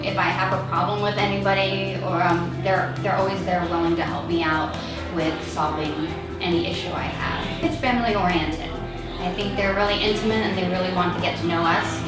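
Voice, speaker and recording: A woman from Miami, a new employee, chatting cheerfully in an interview with many ums. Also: on the low side. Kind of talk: casual interview answers. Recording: echoey room, distant mic, music behind.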